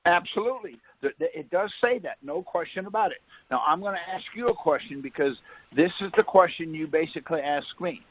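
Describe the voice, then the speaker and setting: A man hosts a conference call over a phone line, his voice a little high, expressive, slightly rough, and a touch fast. He explains things casually, rambling and correcting himself, with frequent "see?" and "um." The audio is muffled, like a phone call.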